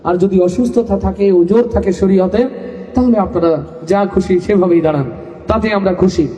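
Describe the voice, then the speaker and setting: A man's voice: high voice, fairly quick, warm tone. A man hosting a live Islamic stage program, rousing the audience with call-and-response and giving instructions to the sound crew over a handheld stage mic. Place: live outdoor-style stage event with audience. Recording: echoey, reverberant live PA sound.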